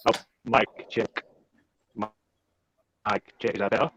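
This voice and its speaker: A man on a live online call whose damaged phone mic makes him sound crackly and underwater, talking quickly through repeated mic checks. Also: on the low side, little pitch movement, a bit bright, breathy edge, muffled recording. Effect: crackly, garbled, underwater-sounding broken mic. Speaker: call-in participant. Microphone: dropped phone with a damaged mic.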